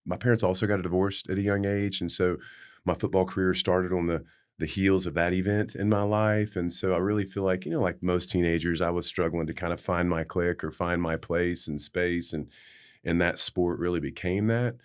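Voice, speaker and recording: A man with a low-pitched voice and an Appalachian hillbilly accent shares personal stories as a podcast guest. He speaks in a folksy, reflective way, like someone looking back on his own life. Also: fairly even intonation, fairly quick, smooth. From West Virginia, United States. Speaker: podcast guest, former pro football player. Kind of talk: personal storytelling in an interview.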